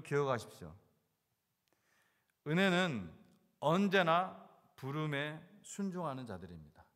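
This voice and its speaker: A man's voice: a little high, fairly bright tone, big-room sound. A male pastor preaching a sermon, asking the congregation questions and repeating key words for emphasis. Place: church sanctuary.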